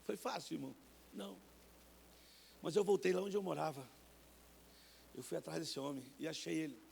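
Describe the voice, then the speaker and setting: A man in his fifties with a Brazilian Portuguese accent, preaching a personal testimony in church, animated and acting out the people in his stories. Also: a little high, normal speed, creaky, a little hiss or hum. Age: 50s. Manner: animated, acts out voices in his stories, calls listeners brother. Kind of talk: sermon testimony. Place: church sanctuary.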